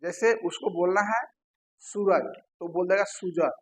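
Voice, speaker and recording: A man teaching a lecture, posing questions to his listeners and answering them himself, repeating key terms slowly. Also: sits high, fairly even intonation, rough recording. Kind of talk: classroom lecture.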